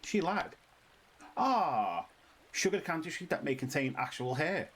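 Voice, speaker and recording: Lively chatty British man reading game text. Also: on the high side, moderate pace, slight background noise, rough recording. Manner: chatty, reads on-screen text aloud with a sing-song lilt. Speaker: gaming channel host. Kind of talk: casual let's-play commentary, reading game text aloud.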